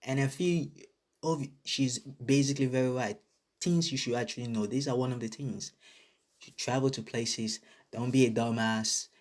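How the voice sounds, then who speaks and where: Speaking at an ordinary pace in a steady, mid-range voice, a man from Nigeria delivers a blunt opinion rant in a casual vlog. His Nigerian accent is clear, and he curses frequently while driving his points home through repetition.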